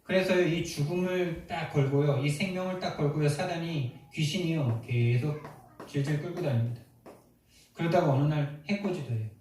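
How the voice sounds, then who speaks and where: Brief: male pastor, fairly high voice, emphatic sermon delivery, far from the mic in a roomy echoing church. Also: moderate pace, a little mellow, slight background noise. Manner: emphatic, rhetorical questions to the congregation. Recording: echoey hall from far off.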